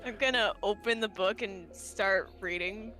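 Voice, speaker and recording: A woman's voice: medium pitch, unhurried, bright, forceful tone, soft background music. A woman playing a tabletop game, chatting in a playful, giggly way. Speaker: player. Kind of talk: casual chat while playing a tabletop game.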